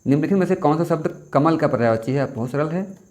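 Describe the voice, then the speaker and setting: A man's voice: a little high, animated, fast, darkish tone. Man teaching Hindi exam prep. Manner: conversational, repeats key words with reminders. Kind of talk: casual exam-prep lesson.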